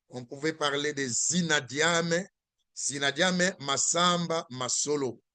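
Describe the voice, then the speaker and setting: A man teaches a language class over a video call at an unhurried, deliberate pace. His voice sits fairly high and the sound is dry and close, with no room behind it. He repeats words patiently for his learners. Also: a bit bright, dry recording. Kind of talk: online language lesson.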